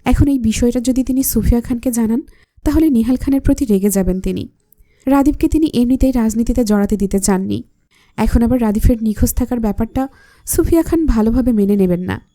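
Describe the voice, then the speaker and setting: A woman narrating a romantic story in an even, scripted storytelling voice. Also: a little high, fairly quick, no echo, studio quality.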